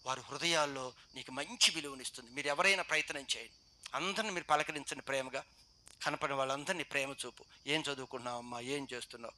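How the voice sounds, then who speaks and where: At a youth meeting, a Telugu-accented pastor preaches with fast rhetorical questions, his delivery shifting from loud to quiet. His pitch is fairly high, and a little hiss or hum can be heard.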